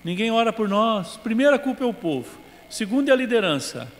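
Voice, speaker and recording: A Brazilian man with a high voice preaches a sermon, telling stories from his own life. He acts out the dialogue in them and swings from loud, emphatic lines to quiet, hushed ones. His voice rings with the long reverb of a church. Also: sing-song, a little fast. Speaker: pastor.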